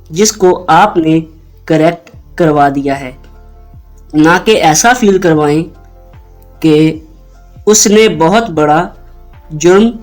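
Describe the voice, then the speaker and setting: A man teaching pronunciation in a slow, measured delivery, his voice sitting a little high. He patiently repeats each word for the listener to echo. Soft music plays faintly underneath. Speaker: host and English pronunciation teacher. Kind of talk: scripted pronunciation lesson.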